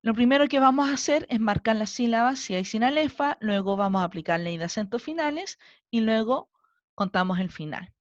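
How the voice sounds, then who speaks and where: A woman's voice: a little high, lively intonation, fairly quick, no echo, highs cut off. A woman teacher with a Chilean Spanish accent, giving a recorded lesson and patiently counting syllables aloud step by step. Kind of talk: recorded online class lesson.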